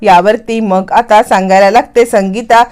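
A woman's voice: medium pitch, a little slow, clean tone. A woman casually retells a TV serial episode, acting out the characters' lines as she goes. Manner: lively storytelling, acting out characters' lines in quotes. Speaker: serial recap narrator.

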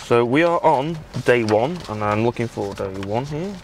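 With a medium pitch and an animated delivery at normal speed, a young British vlogger chats casually while on a road trip. He is inside a car, moving or parked, recorded by a dashboard action camera amid car and road noise.

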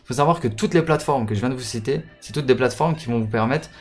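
A man's voice: mid-range voice, fast, soft background music. A man, a gaming YouTuber chatting casually with his viewers in a hesitant way, full of fillers and repeated words.

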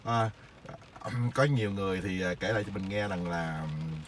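Man, middle-aged, lowish voice, rambling casual storytelling, faint background noise. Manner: rambling, many filler pauses. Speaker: vlogger sharing stories.

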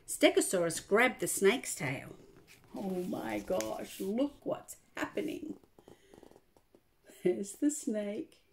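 A woman's voice: mid-range voice, expressive, slow, vocal fry, long pauses, a little hiss or hum. An older woman reading a picture book aloud to children, stopping to talk about the pictures. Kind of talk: storybook read-aloud to children.

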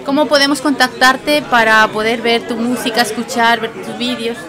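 A woman's voice: on the high side, steady tone, moderate pace, a crowd in the background. A woman reporter interviewing guests in a small café venue, asking upbeat questions into a handheld mic.

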